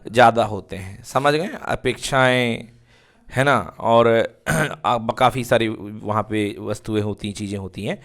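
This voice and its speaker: A man's voice: fairly low pitch, measured pace, fairly bright tone. A male physics teacher lecturing to students, repeatedly asking questions and answering them himself. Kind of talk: classroom lecture.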